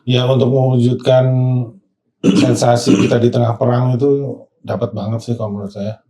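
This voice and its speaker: A man from Indonesia, a film sound mixer guest, answering modestly and softly, often clearing his throat. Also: mid-range voice, level tone, normal speed. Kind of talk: casual interview chat.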